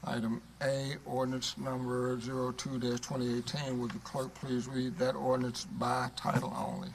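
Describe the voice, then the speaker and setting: A man serving as mayor, running a council meeting in a brisk, businesslike, formulaic way. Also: medium pitch, monotone. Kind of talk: formal meeting procedure. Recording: clear background room noise.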